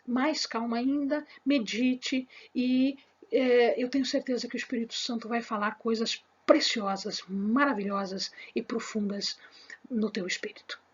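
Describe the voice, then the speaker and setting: A Bible study teacher gives a spoken Bible lesson to her viewers, speaking with her hands. She's emphatic and repetitive, full of fillers and restarts, and her slightly rough voice is a little high. The sound is lo-fi.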